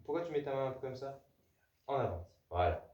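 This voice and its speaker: Animated man coaching cello in echoey hall. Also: mid-range voice, a little fast. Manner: animated, corrects often with repeated "non", sings bow rhythms. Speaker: cello teacher. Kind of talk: master-class coaching. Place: rehearsal hall with cello playing. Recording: roomy, distant, dull sound with loud cello.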